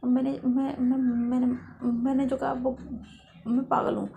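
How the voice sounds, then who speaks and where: A woman's voice: high-pitched, flat delivery, a little slow, vocal fry, narrow, tinny audio, a little hiss or hum. A woman voicing a jealous schoolgirl who stammers out repeated apologies. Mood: pleading. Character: jealous, remorseful schoolgirl pleading. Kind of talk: dramatic Hindi story reading.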